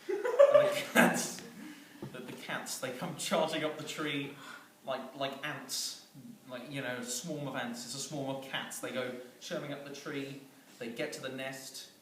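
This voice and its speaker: A man's voice: medium pitch, fairly even intonation, moderate pace, few pauses, a bit bright. A man telling an absurd comic story, rambling and chuckling as he goes. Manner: rambling, chuckling, with many fillers and restarts. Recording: echoey room, far from mic, noisy.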